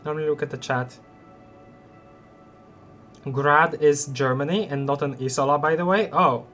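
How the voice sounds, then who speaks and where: A man streaming a game with casual live commentary, reacting and reading on-screen text aloud in a halting way. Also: a little high, a bit bright, soft background music.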